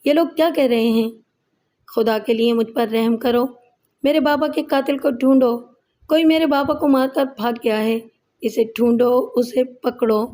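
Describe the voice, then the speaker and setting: A bewildered, desperate young man pleads his innocence in a tearful, shaky voice in a storybook reading, as a woman narrator puts him on. The voice is high and mellow. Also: fairly even intonation, natural voice. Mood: pleading.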